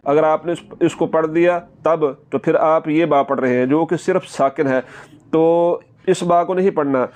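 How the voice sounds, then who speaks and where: A man's voice: on the high side, darkish tone. A male Quran teacher giving a patient, step-by-step recitation lesson, repeating each word several times and drawing out the long sounds.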